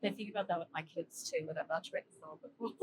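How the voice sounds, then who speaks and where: A woman hosting a casual chat inside a car, bubbly and quick to laugh. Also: fairly low pitch, darkish tone, a little hiss or hum, poor audio. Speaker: host.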